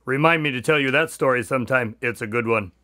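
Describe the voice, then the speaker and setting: A man's voice: medium pitch, fast, sharp tone, no room sound, studio quality, close to an everyday voice. A man playing a long-suffering doctor, a detective's loyal sidekick in a radio drama, grudging and dryly humorous. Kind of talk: scripted radio drama acting and narration.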